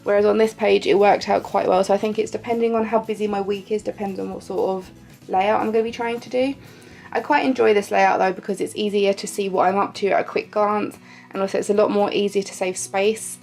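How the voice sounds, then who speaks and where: Soft music underlies this woman's mid-range, darkish voice, which carries vocal fry, fairly even intonation and a slightly fast pace. A vlogger with a nasal, stuffed-up sound, she chats casually about her pages, making light fun of herself and laughing gently.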